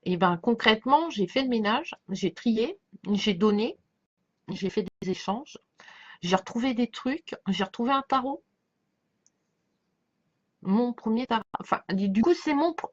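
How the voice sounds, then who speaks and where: A woman with a slight lisp chatting casually as a tarot reader, halting and circling back, often leaving thoughts unfinished. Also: on the high side. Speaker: tarot card reader giving a reading to followers. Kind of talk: casual rambling chat over a tarot spread. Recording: dull lo-fi sound.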